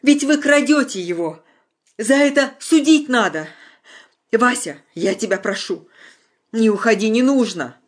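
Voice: medium pitch, normal speed, slightly rough, lightly acted. A young bride, as a storybook reader puts her on, pleads and protests in a raised, urgent voice. Her speech is strained and insistent, full of desperate resolve. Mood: urgent, pleading.

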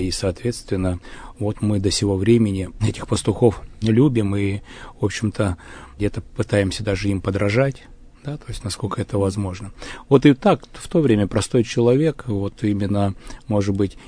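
A man in a religious discussion, speaking haltingly with many fillers and restarts. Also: on the low side, mellow.

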